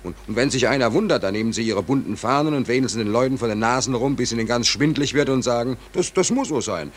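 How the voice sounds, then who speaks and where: A man's voice: medium pitch, animated, fast, lightly acted. An actor playing a worried ship's stoker in a radio drama, speaking hesitantly and repeating his words. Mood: bitter.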